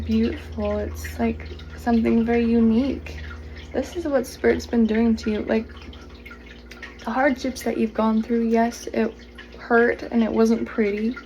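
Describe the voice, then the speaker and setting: Soft, gentle woman reading tarot. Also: on the high side, a little hiss or hum, poor audio. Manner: gentle, slow and reassuring, with drawn-out words. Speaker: tarot reader. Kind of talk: channeled tarot reading to the viewer. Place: home, pets nearby.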